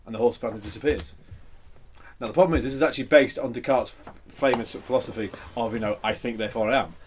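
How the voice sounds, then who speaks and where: A man's voice: mid-range voice, quick pace, slight background noise. A man telling dad jokes casually among friends, acting out the quoted lines as he goes.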